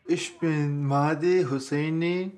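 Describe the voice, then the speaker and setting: Young man, interview bite, slow and even, a bit higher than most men, simple halting sentences. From Afghanistan. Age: 20s. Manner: simple, halting German with small grammar slips. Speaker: interviewee, amateur footballer. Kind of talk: short interview clip.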